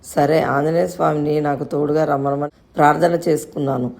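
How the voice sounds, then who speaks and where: A woman's voice: deep voice, steady tone, brisk, vocal fry, darkish tone. A woman voicing a chatty, innocent young boy who asks questions and rambles on.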